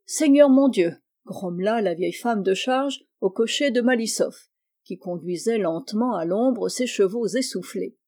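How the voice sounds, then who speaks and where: A woman narrates a classic novel with calm, measured pacing. Her voice is mellow and dark-toned, at a middle pitch. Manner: even, measured storytelling. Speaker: audiobook reader. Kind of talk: scripted narration.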